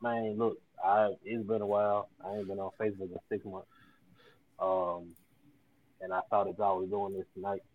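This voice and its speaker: A man's voice: sits low, flat delivery, moderate pace. A man calling in as a guest in casual, laid-back chat, his voice muffled as if heard through a wall. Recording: muffled, thin, distant headset audio.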